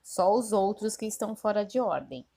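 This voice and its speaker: A woman's voice: medium pitch, animated, dark tone. A woman teaching a primary school class remotely, patiently repeating instructions and checking the children follow. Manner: spells sounds slowly and clearly. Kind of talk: recorded remote class lesson.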